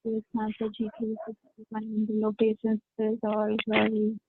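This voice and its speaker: A woman on a devotional conference call who is feeling unwell. Her voice comes through faint and muffled, as if through a wall, and she replies slowly and quietly. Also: fairly high pitch, completely flat delivery, breathy edge, no room sound. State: unwell, low energy. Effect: faint and muffled, as if heard through a wall. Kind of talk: casual chat. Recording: tinny phone line.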